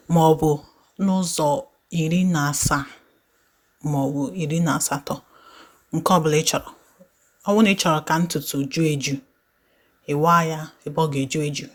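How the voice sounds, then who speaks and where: A woman with an Igbo Nigerian accent giving a casual, conversational voiceover for a step-by-step tutorial. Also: low-pitched. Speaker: hair tutorial host.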